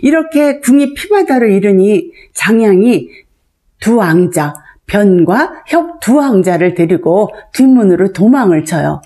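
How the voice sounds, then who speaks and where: An older woman spins an old tale in a homely, chatty manner. Her voice is mellow and warm, and her pitch rises and falls in lively swoops as she goes. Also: a little slow. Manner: homely, chatty storytelling that acts out characters' lines. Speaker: storyteller. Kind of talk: storybook narration.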